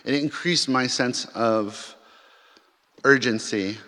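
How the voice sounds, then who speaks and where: In a large chapel with long hall reverb, a man recounts a personal story to a symposium audience, conversational and riddled with restarts and fillers. He speaks slowly at a medium pitch, with a bright, forceful tone.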